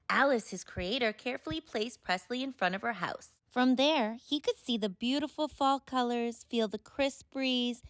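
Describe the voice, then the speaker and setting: A woman with a voice on the high side reads a children's picture book aloud, telling the story in an expressive, dramatic way.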